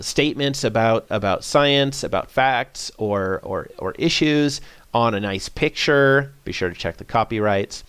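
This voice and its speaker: A man presenting a science-communication webinar in a relaxed, conversational way, full of "uh" fillers and small self-corrections. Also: on the low side, no echo. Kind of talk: informal webinar talk.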